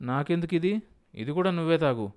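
A man's voice: on the high side, expressive, a little fast, darkish tone, clean tone, pitched above the performer's own voice, close to an everyday voice. A man voicing a naive, simple husband who is bewildered by the city cinema, in an audiobook. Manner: innocent, bewildered.

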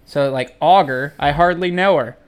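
A man co-hosting a podcast chats casually, rambling through stories with halting restarts. His voice is a little high and the tone is clean.

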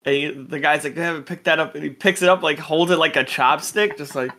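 A man's voice: on the high side, fairly even intonation, fast, sharp tone. A man co-hosting a podcast, chatting casually about anime in a slangy, profane, rambling way. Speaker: podcast co-host.

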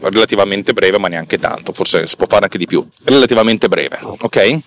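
A man's voice: on the low side, moderate pace, a little hiss or hum. A man, a little tired, explaining technical matters as a podcast host in an informal, digressive way, often repeating and correcting his words. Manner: informal, digressive, slightly stammering with word repetitions and self-corrections; checks in with listeners using rhetorical questions. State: a bit tired. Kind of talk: casual explanatory tech monologue.

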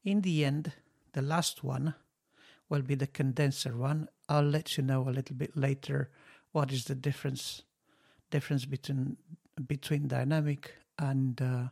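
A man with a gravelly, darkish, mid-range voice makes casual conversation while testing mics for his podcast. He sits at his home studio desk close to a dynamic studio microphone, speaking slowly and haltingly with frequent fillers and non-native phrasing.

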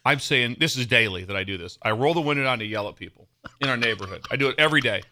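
A man from Nebraska, co-hosting a casual sports podcast, telling stories in an excitable, animated way and laughing often. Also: medium pitch, very fast. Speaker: podcast co-host.

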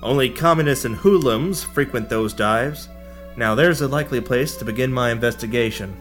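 A man playing a hard-boiled male space detective, narrating in a gruff noir style. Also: medium pitch, normal speed, faint music behind, close to an everyday voice. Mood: cocky. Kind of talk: radio-drama parody.

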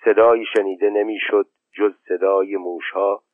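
A man narrating an audiobook in a measured, steady storytelling manner, on a tinny, narrow-band recording. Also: lowish voice, dry recording.

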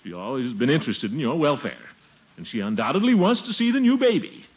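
An actor playing a pompous, fussy middle-aged uncle with blustering, theatrical delivery in a 1940s radio comedy. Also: male voice, mid-range voice, sing-song, quick pace, close to an everyday voice. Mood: fussy, placating. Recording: noisy, dull 1940s radio recording.

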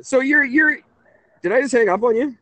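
A man's voice: very high voice, moderate pace, a bit bright, dry recording. A man in his late thirties hosting a casual call-in talk show, rambling and correcting himself as he goes. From Canada. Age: 30s. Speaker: host.

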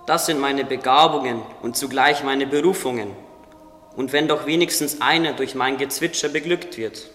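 In a religious radio play, a man voices a wise, modest winged creature who earnestly and instructively encourages a friend, lightly acted. His mid-range voice is slightly bright and at normal speed, over soft background music with echoey, long reverb and noisy ambience.

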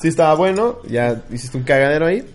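Mexican podcast co-host, young man, slightly high voice, lively profane storyteller. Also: fast talker, background noise. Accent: Mexican Spanish. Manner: animated, profane, acts out voices in his story. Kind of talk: casual storytelling.

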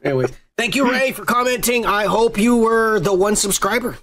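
A man's voice: sits high, lively intonation, moderate pace, a bit bright. A man co-hosting a casual podcast, crude and joking as he rambles. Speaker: podcast co-host.

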